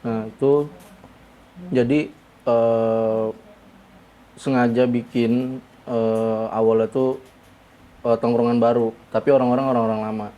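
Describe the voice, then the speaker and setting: Halting, mellow-voiced man from Bogor. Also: mid-range voice, level tone. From Bogor, Indonesia. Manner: halting, many pauses and fillers. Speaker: guest. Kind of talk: casual interview storytelling.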